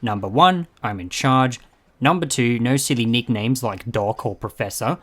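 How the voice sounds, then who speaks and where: A jovial, quick-witted adventurer, played by a man, talks with theatrical confidence at a medium pitch. Music runs behind his breezy, self-assured audio drama lines. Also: a bit bright, close to an everyday voice. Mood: jovial, brisk.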